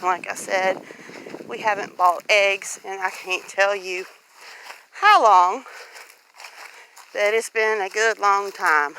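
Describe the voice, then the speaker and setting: Filming a casual walk-and-talk vlog on a handheld phone, a Louisiana woman with a Southern accent chats folksily, explaining things as she walks around her rural homestead. Her medium-pitched voice is pushed and bright, her pace slow with long pauses, and the rough recording carries faint outdoor noise.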